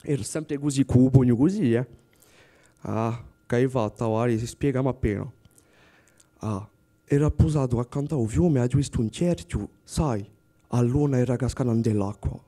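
Dark-voiced young Corsican storyteller. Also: male voice, medium pitch, moderate pace. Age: young adult. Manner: lively, acts out characters with voice shifts. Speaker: student storyteller. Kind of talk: telling a folk tale.

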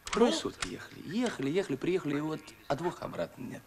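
An actor playing a wry, pestering worker at a shop counter in a Soviet film. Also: male voice, on the high side, sing-song, quick pace. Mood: wry, complaining. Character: wry, pestering male worker trying to charm shop clerk. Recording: old film soundtrack, background chatter.

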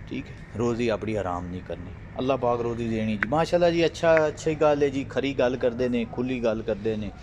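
A man's voice: mid-range voice, darkish tone, slight background noise. A man filming outdoors on a farm with a phone camera, running a casual, friendly sales talk for viewers. He repeats himself and keeps addressing his audience as friends. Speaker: livestock sales vlogger.

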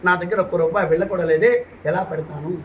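A man's voice: high-pitched, fast talker, fairly bright tone, distant mic, a little hiss or hum. A man voicing a meek young queen in a told story, asking hesitant questions. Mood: worried.

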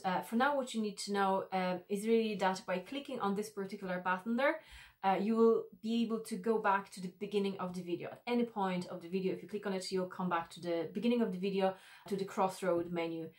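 A woman with a mid-range voice, working as an e-learning designer, talks through a tool to camera with careful, measured speech and plenty of "uh"s. She's seated at a desk in a small decorated studio room indoors, shown in a mid shot.

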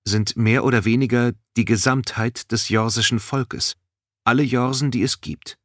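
A man voicing a panicky young translator who pleads and shouts in a high, strained voice. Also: fairly even intonation, normal speed, dry recording, clean studio sound, natural voice. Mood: nervous. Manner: frantic, pleading.

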